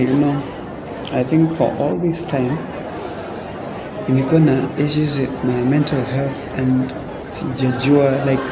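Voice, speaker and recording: In a radio drama, a man plays a troubled, hesitant student confiding in a friend, casually code-switching between languages. His voice is mid-range and gravelly, and the recording is echoey, set in a noisy public space with a crowd.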